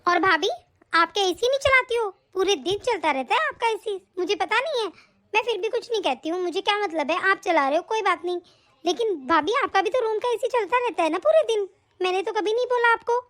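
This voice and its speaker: Cartoon young mother, defensive and wounded, very high-pitched, voiced by a woman. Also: animated, fairly quick, a bit bright. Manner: pleading, defensive. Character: young new mother staying with family, hurt, defensive. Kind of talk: animated story voice acting.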